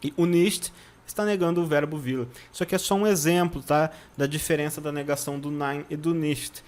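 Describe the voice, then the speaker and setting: Brief: Brazilian male German tutor, slightly high voice, breaks words into syllables, constant check-ins. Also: steady tone, a little fast, darkish tone. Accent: Brazilian Portuguese. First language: Portuguese. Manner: drills pronunciation, repeating words syllable by syllable. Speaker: German teacher. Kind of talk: online language lesson.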